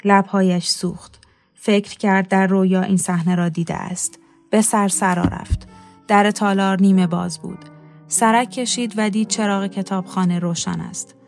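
A woman narrating a literary story in a measured, steady reading. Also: medium pitch, soft background music.

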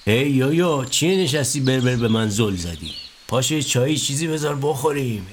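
A man's voice: medium pitch, expressive, a little hiss or hum, lightly acted. An actor playing a cheeky young apprentice snake catcher who teases and jokes with his master. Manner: cheeky, teasing banter.

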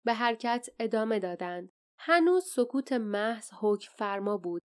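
A woman narrating an audiobook in a steady, dramatic storytelling manner. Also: fairly high pitch, smooth. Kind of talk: scripted narration.

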